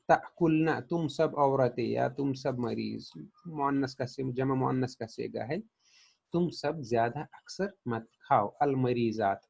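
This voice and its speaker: Male teacher, patient and methodical, husky voice. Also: mid-range voice, a little mellow, lo-fi sound. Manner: patient, repeats each example, then translates it. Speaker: Arabic grammar teacher. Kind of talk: explaining a lesson.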